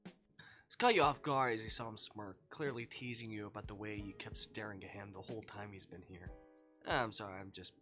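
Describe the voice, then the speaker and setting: A man's voice: on the low side, steady tone, fairly quick, over music. A man streaming live, reading a fan fiction story aloud in second person and breaking into playful asides.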